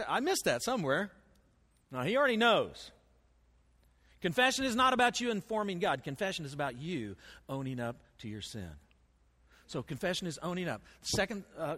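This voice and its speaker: A male pastor preaching a sermon, animated, acting out voices and dropping into hushed asides. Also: high voice. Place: church sanctuary. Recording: long reverb of a large hall.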